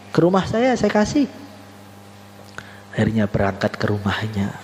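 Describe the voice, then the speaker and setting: A man preaching a storytelling sermon, animated and playful, voicing the people in his story and joking with the audience. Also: high-pitched. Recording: echoey hall with faint hum.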